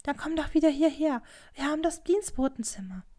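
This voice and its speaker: A woman's voice: animated, moderate pace. A woman voicing a proud, cruel young geisha in an audiobook reading, pleading one moment and cutting the next. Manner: pleading and shrill, then cutting and scornful.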